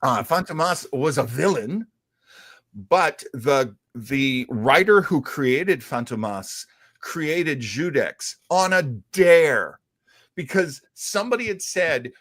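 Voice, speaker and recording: Recorded dry in a clean studio, a man speaks with a medium, fairly bright voice. He runs a casual live talk show about classic radio and comics, and his chat commentary is eager and wandering, with hesitant phrasing.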